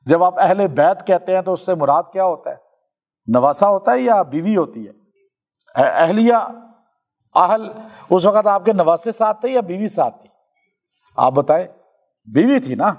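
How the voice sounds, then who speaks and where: Male preacher from Pakistan, high voice, storytelling sermon delivery, slows for recited verses. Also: a little mellow, husky. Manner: storytelling, asks listeners questions, slows down for recited scripture.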